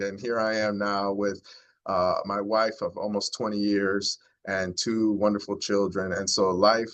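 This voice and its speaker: A man in his forties with a very deep, low voice talks to a neighborhood gathering as the county sheriff. His delivery is earnest and heartfelt, reflective and sincere as he addresses the community. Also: a bit bright, dull audio. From United States. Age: 40s. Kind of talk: community talk to a neighborhood group.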